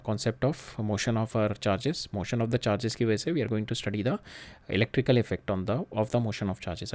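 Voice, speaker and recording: Male tutor, low slow voice, code-switches, lots of "uh" and restarts. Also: darkish tone. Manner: mixes Hindi and English, many fillers and repeated words. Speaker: physics teacher. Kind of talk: lecture solving exam problems.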